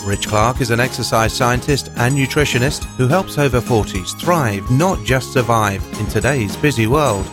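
A man announcing a show intro in a smooth, polished read. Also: mid-range voice, normal speed, few pauses. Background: music.

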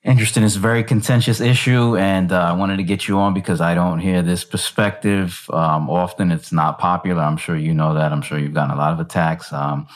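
A man's voice: deep voice, fairly even intonation, fairly quick, hardly any pauses. A man hosting an interview, asking questions with a curious, hesitant manner and frequent fillers. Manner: inquisitive, uses many fillers. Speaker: interview host.

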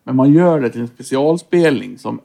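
A man with a gravelly, creaky voice who talks over ideas slowly and holds firm opinions. He chats casually with his bandmates. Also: medium pitch, expressive, mellow. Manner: musing, opinionated. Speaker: band member. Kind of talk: casual chat.

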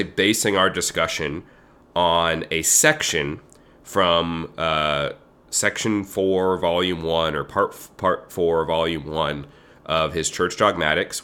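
A man co-hosting a theology podcast, sounding nasal from allergies, explaining thoughtfully with halting restarts. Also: low voice, sharp tone, clear, resonant tone. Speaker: podcast co-host. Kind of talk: casual theology podcast chat.

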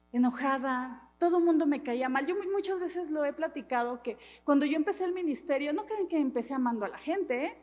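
A middle-aged woman preaching a sermon in a high, bright voice, dramatic and animated, poking fun at herself. Her words ring out with a long reverb from a church hall. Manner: animated, dramatic preaching with self-mocking humor. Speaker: pastor.

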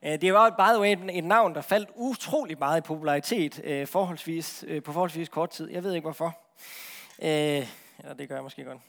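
A man preaching a sermon in a lively, talkative way, often repeating words and checking in with the listeners. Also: a little high.

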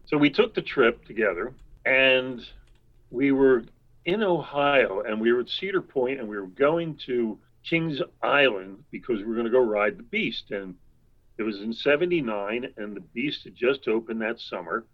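An older man telling long anecdotes as an interview guest, rambling, with quick asides and chuckles. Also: medium pitch, expressive, highs cut off. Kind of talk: anecdotal storytelling.

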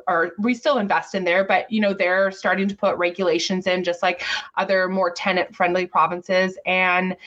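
Casting: Canadian woman podcast co-host, casual and rambling, mid-pitched, slightly dull audio. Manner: relaxed, rambling storytelling.

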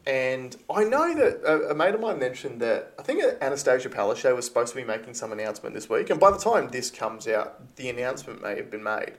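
Opinionated Australian man chatting. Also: mid-range voice. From Queensland, Australia. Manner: opinionated, laughs often, restarts. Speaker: podcast co-host. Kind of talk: casual podcast chat.

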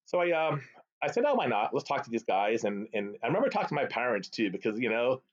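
The guest, a middle-aged sales executive from Boston, USA, talks at a quick pace in a mid-range voice with a Boston accent; his first language is Arabic. In this casual storytelling interview he's animated and chatty, often throwing in "right?". The recording is slightly dull, lo-fi call audio.

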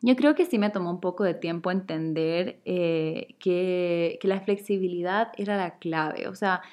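A woman's voice: fairly low pitch, unhurried, a little mellow. A woman in her twenties, born in Chile, talking candidly and casually to her viewers, with lots of fillers and light laughs. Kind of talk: casual vlog monologue.

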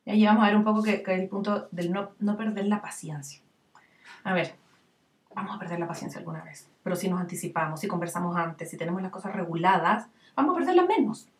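A middle-aged woman with a Chilean accent giving parenting advice in casual chat, acting out little scenes with lively voices. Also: mid-range voice, fast talker. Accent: Chilean Spanish. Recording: roomy echo, distant mic.

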